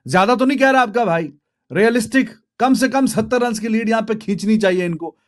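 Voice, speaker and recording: A cricket commentator with a Pakistani accent and a high-pitched voice talks cricket casually to the camera, fairly quickly and colloquially, mixing in English phrases. He sits close to a desk microphone in a small indoor home studio.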